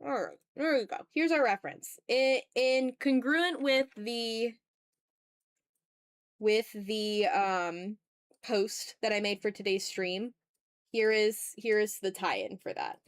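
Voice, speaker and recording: A medium-pitched woman chats off the cuff with her viewers while drawing during a livestream, keeping things informal and meandering. She's both an art streamer and an ASMR YouTuber, and no room sound is audible.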